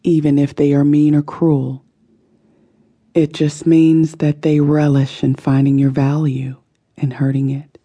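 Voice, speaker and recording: Leading a guided meditation, this audiobook narrator uses a deep, very dark voice, relaxed and breathy with a husky texture. Her pacing is slow and deliberate, her tone soothing, and every phrase trails gently away.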